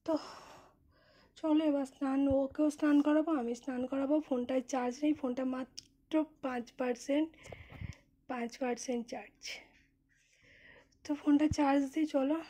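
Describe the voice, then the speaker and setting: A woman narrating a casual home vlog into her phone, chatty and repetitive, her voice a little hoarse from the heat. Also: sits high, fairly even intonation, moderate pace, pauses often, dark tone. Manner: chatty, repeats herself, many fillers. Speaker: vlogger. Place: home, indoors and on a veranda. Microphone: phone camera.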